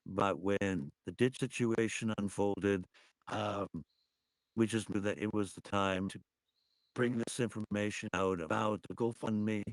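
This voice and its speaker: Guy on a stream w a voice changer, lowish voice, lots of uhs and restarts, dry sound. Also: fairly even intonation, dry recording, poor audio. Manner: halting, many fillers and restarts. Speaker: livestream host. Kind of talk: casual livestream commentary. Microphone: computer mic on a livestream.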